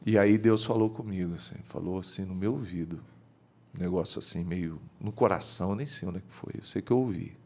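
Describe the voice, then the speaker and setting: A man, a bishop, telling a story as a guest in a podcast studio, his voice climbing high whenever he gets excited. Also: a little fast.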